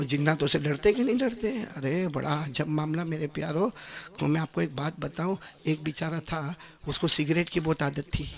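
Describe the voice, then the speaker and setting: A man from Gujarat, preaching an animated, humorous sermon and questioning his listeners, in a dull lo-fi recording. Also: fairly high pitch, creaky. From Gujarat, India. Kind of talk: sermon with anecdotes.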